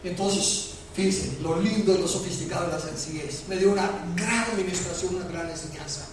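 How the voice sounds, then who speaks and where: Male pastor, high-pitched, lively storytelling sermon, picked up from afar in a reverberant hall. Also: fairly quick, noisy background. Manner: animated storytelling that builds to shouting. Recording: echoey hall recorded from far off.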